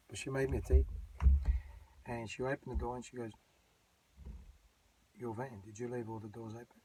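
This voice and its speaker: A man's voice: medium pitch, mellow, slight background noise, poor audio. A middle-aged man giving a personal religious testimony in an earnest, rambling way, with many fillers and restarts. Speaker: channel host giving his testimony.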